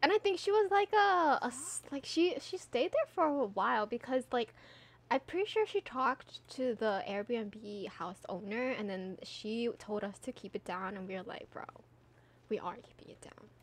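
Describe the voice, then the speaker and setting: On the high side and animated, her voice moves at normal speed as she plays a game on stream. She reads chat, talks casually with viewers, laughs frequently and drifts into filler words.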